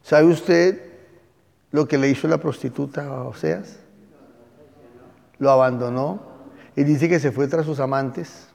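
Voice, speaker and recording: Gravelly pastor teaching a class. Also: male voice, a little high, slow pace, pauses often, long reverb tail. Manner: lively storytelling, addresses class as "hijos".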